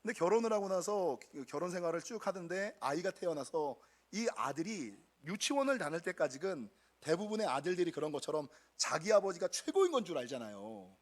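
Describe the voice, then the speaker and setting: Animated high-voiced male pastor preaching. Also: a little fast, few pauses. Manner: animated, acts out quoted voices; addresses congregation directly. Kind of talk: sermon.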